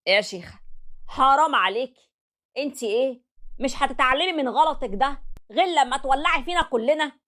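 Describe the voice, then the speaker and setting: A woman's voice: fairly high pitch, lively intonation, fairly quick, fairly bright tone, pitched above the performer's own voice. A woman with an Egyptian accent voicing a fed-up young husband who scolds his wife. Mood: furious. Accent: Egyptian Arabic. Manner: scolding, exasperated. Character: fed-up young husband, quick-tempered and loud.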